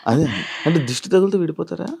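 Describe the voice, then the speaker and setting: A woman interviewer asking probing, lively questions and humming along. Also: low voice, fast talker, creaky, husky.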